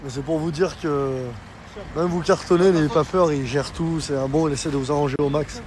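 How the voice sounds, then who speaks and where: A man's voice: a little high, fairly even intonation, normal speed, darkish tone. A man with a French suburban accent chatting casually for social media in street slang peppered with Arabic expressions.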